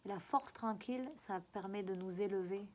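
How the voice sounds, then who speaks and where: Woman, regional French accent, spiritual guide. Mid-pitched, coaxing, repetitive, halting delivery. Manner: coaxing and repetitive, often halting to search for words. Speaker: spiritual guide giving a card reading. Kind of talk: spoken spiritual guidance.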